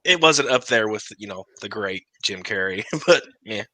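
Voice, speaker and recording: A man's voice: fairly low pitch, lively intonation, normal speed, pushed and bright, no echo. A man who works as a mechanic, a podcast guest chatting casually and laughing often. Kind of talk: casual chat.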